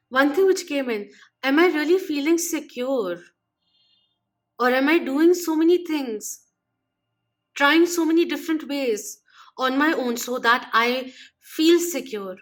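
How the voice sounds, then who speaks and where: A woman giving a channeled tarot reading, gently and reflectively listing what each card means. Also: on the high side. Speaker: tarot reader.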